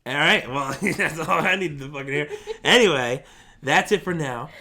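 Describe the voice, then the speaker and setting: A man's voice: fairly high pitch, moderate pace, bright, forceful tone. A man hosting a podcast in casual chat, joking, laughing and swearing freely. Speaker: podcast host.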